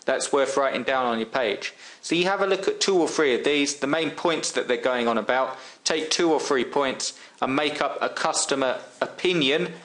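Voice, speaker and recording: A man's voice: medium pitch, normal speed, hardly any pauses, a bit bright. Chatty man explaining like a friend. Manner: chatty, friend-to-friend tone with frequent ums and restarts. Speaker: online marketing tutor. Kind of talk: casual screen-share tutorial.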